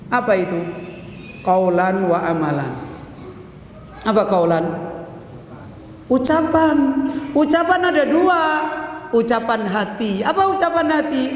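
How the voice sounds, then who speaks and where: A man preaches a sermon in a mosque, his voice pitched very high. He keeps asking his listeners questions and answering them. The recording rings with long hall reverb over a faint hiss. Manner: asks the audience rhetorical questions and answers them.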